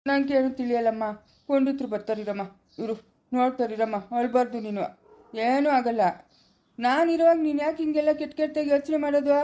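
A fretful village mother, played by a woman in a homespun family drama, speaking in a rural Chikkaballapura Kannada accent. She talks quickly in a slightly raised voice. Her words are pleading and soothing. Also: high-pitched, mellow, lo-fi sound, close to an everyday voice. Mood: reassuring. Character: anxious loving village mother.

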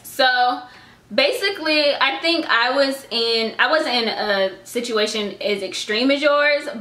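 A young woman in her twenties talks casually to her viewers, pregnant and a little out of breath. Her voice is bright and sits a bit high. The room around her rings with echo. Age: 20s. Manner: chatty, drawling, says "y'all" and "girl". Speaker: YouTuber giving advice. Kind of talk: casual vlog chat.

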